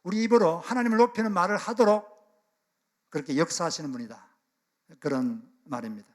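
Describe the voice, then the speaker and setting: Earnest Korean pastor preaching a sermon. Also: male voice, sits high. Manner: earnest preaching, dropping soft on key phrases and rising on exhortations.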